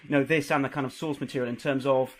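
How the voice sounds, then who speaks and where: A man's voice: mid-range voice, fairly even intonation, quick pace, a little hiss or hum. A man interviewing an actor, asking long, rambling questions full of hedges and fillers.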